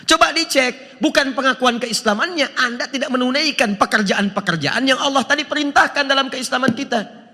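A man's voice: extremely high pitch, fairly quick. A man preaching a sermon, emphatic and questioning his listeners. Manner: animated, emphatic, asks the audience questions. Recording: long hall reverb.

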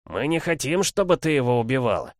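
A man's voice: medium pitch, big pitch swings, fairly quick, dry recording, clean studio sound, voice pushed up, close to an everyday voice. A man voicing a matter-of-fact talking eagle in a storybook reading, slightly raised. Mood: calm. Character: calm, technical eagle.

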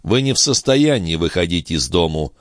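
A man playing a calm philosophical old doctor. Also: low voice, no echo, clean studio sound. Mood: solemn. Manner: measured, gently lecturing.

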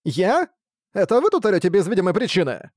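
A man's voice: high voice, very animated, a little fast, darkish tone, no room sound, clean studio sound, pitched above the performer's own voice. A man voicing an eager, touchy young male pet creature who sounds like a scolded child. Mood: offended.

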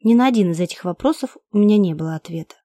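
Woman, audiobook narration, first person, clipped tense delivery, mellow voice, dry close sound. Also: mid-range voice, lively intonation, rapid-fire, no echo.

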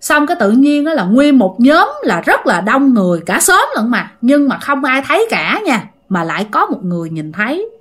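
Brief: casual Southern Vietnamese woman storyteller, high-ish and animated, talks to listeners. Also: normal speed, husky. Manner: chatty, addresses listeners directly. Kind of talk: casual ghost-story telling.

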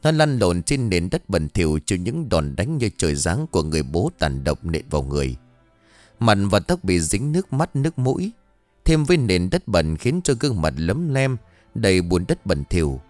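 A man reading an audio story aloud in an expressive, dramatic narration style. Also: sits low, moderate pace, no room sound, faint music behind.

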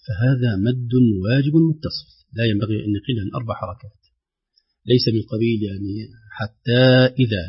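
A man teaching recitation, patiently repeating words slowly to demonstrate each sound. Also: fairly low pitch, husky, muffled recording. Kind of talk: instructive explanation with demonstrated pronunciations.

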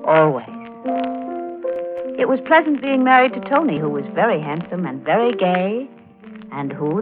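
A woman's voice: low-pitched, natural voice. Radio drama heroine, female actor: thirties, genteel, wistful and uneasy, vintage tinny recording with music. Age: 30s. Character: wistful, anxious wealthy woman in her thirties. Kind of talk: 1940s radio drama acting with narration.

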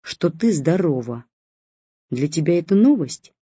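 Brief: worn-out mother, read by the narrator, dark husky tone, dry audiobook sound. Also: mid-range voice, very animated, unhurried, no room sound, muffled recording, exaggerated voice. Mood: weary. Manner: tired, curt replies. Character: tired, worn-out mother, curt.

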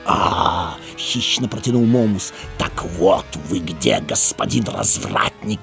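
A man's voice: on the low side, big pitch swings, a little slow, creaky, a bit bright, soft background music, voice pushed down, full character voice. A man playing a melodramatic swindler husband. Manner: melodramatic, wailing, theatrical. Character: scheming con man faking a wronged, weepy husband.

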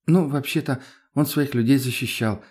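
A man voicing a thoughtful, reasonable young woman who talks in an earnest, gentle way. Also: medium pitch, normal speed, breathy edge, voice pushed up, close to an everyday voice.

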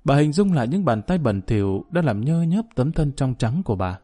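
A man reading a scripted story aloud in a measured, somber manner. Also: medium pitch, big pitch swings, mellow, husky, soft background music. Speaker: narrator.

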